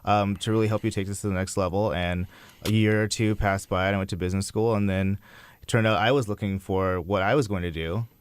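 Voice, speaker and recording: A man's voice: fairly low pitch, fairly even intonation, fast, smooth. A young man talking casually as a guest in an interview. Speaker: interview guest, creative entrepreneur.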